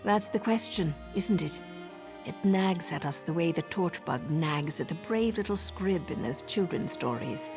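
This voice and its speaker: Playing a composed video-game assassin who also serves as a mentor, this actress sounds wry, measured and confident. Her voice is on the low side, her intonation lively and her mood musing, with music in the background.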